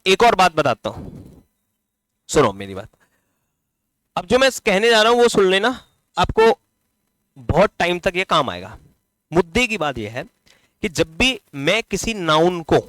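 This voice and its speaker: A man with a Hindi accent teaching English grammar in a classroom lecture, asking the class questions and answering them himself, drawing out key words slowly as he writes. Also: sits high, fairly bright tone, dry recording. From India. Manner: stretches key words slowly while writing on the board.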